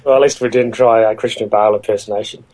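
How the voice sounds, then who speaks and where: A man chatting casually as a podcast co-host, speaking in a hesitant, halting way with many fillers. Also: lowish voice, steady tone, a little mellow, low-quality recording. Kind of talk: casual chat about films.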